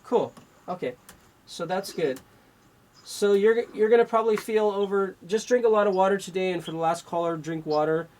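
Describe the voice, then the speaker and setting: A man's voice: sits high, moderate pace, a little mellow. A man working as an energy healer on a radio call-in show, talking in an instructive way. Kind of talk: call-in healing session.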